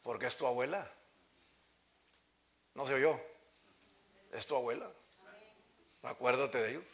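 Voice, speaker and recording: Impassioned pastor, bright voice. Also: male voice, unhurried, gravelly. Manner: impassioned preaching, swinging from loud cries to low murmurs. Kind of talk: sermon. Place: church sanctuary.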